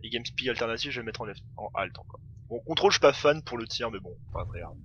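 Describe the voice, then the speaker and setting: A man's voice: medium pitch, expressive, quick pace, a bit bright, highs cut off, a little hiss or hum. A man giving casual let's play commentary, chatty and thinking aloud, laughing often. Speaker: gameplay commentator.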